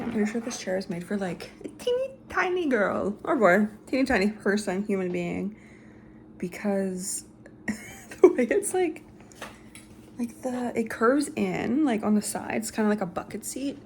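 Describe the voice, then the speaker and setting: A woman's voice: medium pitch, expressive, moderate pace, darkish tone, slight background noise. A young woman vlogging casually at home, rambling through a story with lots of "like" and restarts. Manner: rambling, filler-heavy storytelling with frequent "like". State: out of breath. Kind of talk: casual vlog chat. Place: home, basement apartment.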